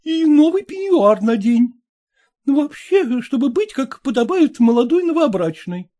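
Brief: a man playing a fretful middle-aged mother who nags and scolds, lively and mellow, storybook reading. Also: very high voice, a little slow, full character voice. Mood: nagging. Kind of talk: audiobook character voice.

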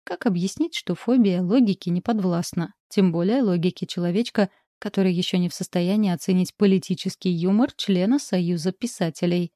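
Low, mellow woman reading a story. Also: fairly quick, few pauses, no echo, clean studio sound. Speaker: audiobook narrator. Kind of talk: literary audiobook narration.

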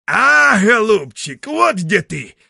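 A man voicing a grumbling old grandfather who digs for treasure and talks to himself in a gruff, exclaiming way. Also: fairly high pitch, very animated, unhurried, fairly bright tone, dry recording, studio quality, pitched above the performer's own voice, heavily acted.

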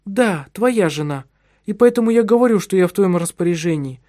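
A prim, frightened young French wife speaks in a lifted, trembling voice, as a male narrator puts her on. Her lines swing high and plead. The sound is dry and close. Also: lively intonation, fairly quick, dark tone, dry recording. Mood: indignant. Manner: high pleading voice rising to shrill cries.

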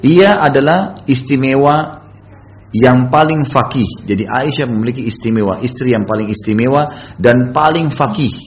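A man's voice: mid-range voice, a little hiss or hum. A male preacher telling a story in a sermon, rhetorical and full of tag questions to his listeners. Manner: rapid, rhetorical, with frequent tag questions to the audience.

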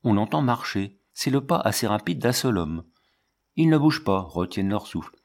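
A man reading a novel aloud in measured, steady audiobook narration. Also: on the low side. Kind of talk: scripted literary narration.

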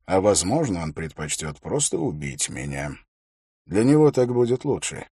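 A dry, wry old grey-bearded ranger, as a low-voiced man reads him, unhurried and gruff. The voice sits deep with a husky edge. The audiobook recording is close and dry. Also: sing-song, dark tone, dry recording, full character voice.

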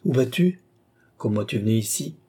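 A man voicing a furious young nobleman in an audiobook, raging and accusing, sometimes breaking into shouts. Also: mid-range voice, lively intonation, brisk, slightly rough. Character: furious young male nobleman seeking revenge.

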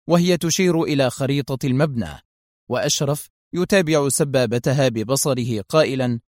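A man narrating a thriller audiobook in a measured, solemn storytelling manner. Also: medium pitch, no room sound, studio quality.

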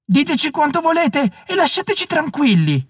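A man doing a shrill panicked gentleman. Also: wildly swooping pitch, slow pace, husky, no echo, clean studio sound, heavily acted. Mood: alarmed. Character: frightened gentleman in a powdered wig.

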